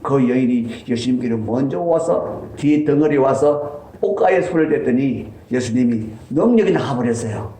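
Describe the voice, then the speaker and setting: A man's voice: mid-range voice, lively intonation, moderate pace, few pauses, dark tone, slight background noise. A man preaching a sermon as pastor, emphatic and repeating his key points. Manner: emphatic, repeats key lines, voice swings up for stress. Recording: echoey church sanctuary.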